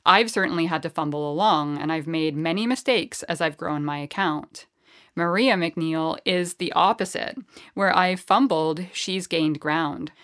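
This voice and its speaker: A woman's voice: low-pitched, unhurried, a bit bright. A woman who hosts a podcast and trains dogs, introducing and interviewing a guest in an enthusiastic, chatty way. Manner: enthusiastic and chatty, with fillers and restarts. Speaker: podcast host and dog trainer.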